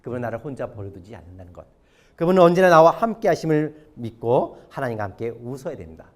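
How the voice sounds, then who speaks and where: Animated Korean pastor lecturing. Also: male voice, medium pitch, quick pace. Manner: animated, asks the audience questions. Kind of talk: lively sermon lecture. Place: church or hall lecture before an audience.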